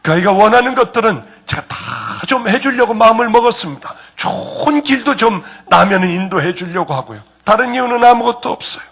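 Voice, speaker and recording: A male pastor preaching a sermon, telling a personal story and softly voicing the people in it. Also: lively intonation, a little fast, few pauses. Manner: acts out dialogue in soft low tones, rising emphatic at climaxes.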